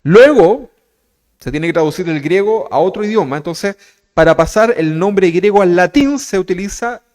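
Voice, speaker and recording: Chilean pastor teaching a sermon. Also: male voice, sits high, lively intonation, moderate pace, darkish tone. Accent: Chilean Spanish. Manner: conversational, keeps asking "¿verdad?"; asks the congregation direct questions.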